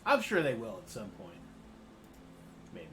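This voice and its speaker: A man acting as game master in an online group voice chat, talking in a relaxed, rambling way with lots of fillers. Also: mid-range voice, a little slow. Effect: online group voice chat, connection drops out. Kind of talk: narrating a tabletop game.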